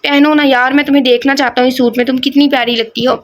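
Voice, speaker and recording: A playful young man who teases and coaxes his fiancée in a storybook romance, read by a woman. The voice sits high and light, and his lines come in a fond, wheedling tone. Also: fairly even intonation, close to an everyday voice. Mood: teasing. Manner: playful, coaxing.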